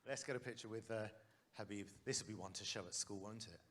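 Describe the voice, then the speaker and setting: A man's voice: lowish voice, fast. A man hosting a live question session on a theatre stage, cheerful and encouraging, speaking into a handheld mic. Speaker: host. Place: large theatre with audience. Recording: live theatre crowd noise.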